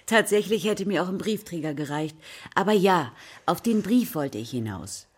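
In a children's radio drama, an actress plays a patient, encouraging primary school teacher who prompts her pupils with questions in natural dialogue. Her fairly low voice is expressive and slightly breathy, moving at a moderate pace with a patient, instructive mood.

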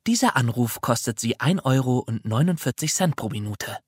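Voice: mid-range voice, expressive, normal speed, breathy edge, no echo, clean studio sound. A reader voicing a chirpy, formal recorded hotline announcement in a children's audiobook.

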